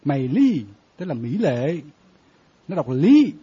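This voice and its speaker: A man's voice: a little high, big pitch swings, measured pace, mellow, slightly rough. A man, a Buddhist monk giving a conversational dharma talk and often quizzing his listeners. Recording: dull lo-fi sound.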